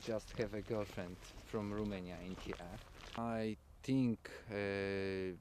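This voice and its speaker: A man from Poland with a Polish accent, a seasonal farm worker speaking haltingly in an interview, searching for words. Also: lowish voice, steady tone. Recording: noisy outdoor background.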